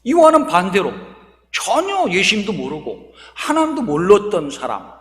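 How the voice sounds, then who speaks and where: A man's voice: sits high, huge pitch swings, normal speed, a bit bright. A man preaching a sermon as pastor, speaking emphatically and posing rhetorical questions to the congregation. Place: church sanctuary. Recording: long reverb of a church hall.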